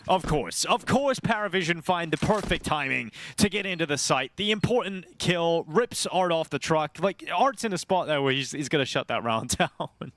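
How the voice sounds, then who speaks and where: A man working as an esports caster, giving excitable live play-by-play and banter with incredulous, exclamatory reactions. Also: fairly high pitch, moderate pace, few pauses.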